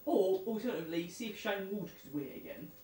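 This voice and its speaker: A man's voice: high voice, expressive, fast talker, darkish tone. A man co-hosting a casual chat, cracking dry, offhand jokes. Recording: roomy, distant mic, faint hiss.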